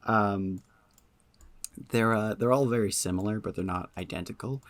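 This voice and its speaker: A man's voice: on the low side, normal speed, dry recording. A man hosting a casual podcast, talking at length with lots of ums and eager enthusiasm. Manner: rambling, many ums, enthusiastic. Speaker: podcast host. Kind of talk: casual chat.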